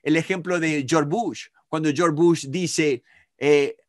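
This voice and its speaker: A middle-aged man with an Argentine Spanish accent teaches negotiation in a live online class, lively and talking to students by name with frequent checks on whether they follow. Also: fairly high pitch, takes it slowly. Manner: animated, talks to students by name, many rhetorical checks. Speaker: negotiation instructor.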